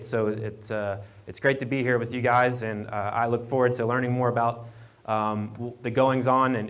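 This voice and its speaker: Standing away from the podium at a live event, a guest speaker with an Appalachian Virginia accent gives an informal conference talk about his work as an economic development program manager. His medium-pitched voice is a bit bright, and he often repeats words and restarts. He's double mic'd.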